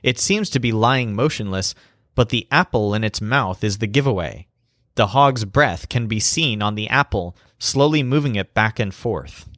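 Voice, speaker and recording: A man teaching a language lesson, telling a mnemonic story in animated scripted narration and spelling words out. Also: on the low side, normal speed, dry recording, clean studio sound.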